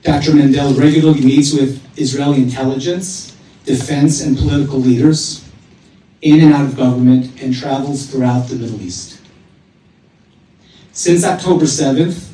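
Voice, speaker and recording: A man with a warm, mid-range voice introduces a guest speaker at a theater event, reading a prepared bio at a moderate pace with small hesitations. The formal introduction is picked up from far off in an echoey auditorium.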